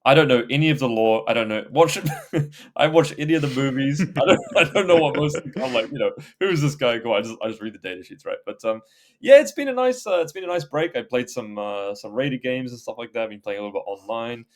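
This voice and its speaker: A man's voice: mid-range voice, lively intonation, fast. A man co-hosting a gaming podcast, talking casually with many fillers and restarts and laughing easily. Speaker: podcast co-host.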